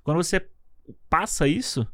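A man, co-hosting a casual chat in a relaxed, joking way. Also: a little high, moderate pace, dry recording, clean studio sound. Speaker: podcast co-host.

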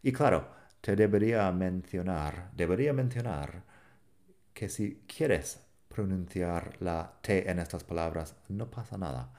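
A man teaching pronunciation in a podcast lesson, relaxed and explaining patiently with examples. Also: low-pitched, measured pace.

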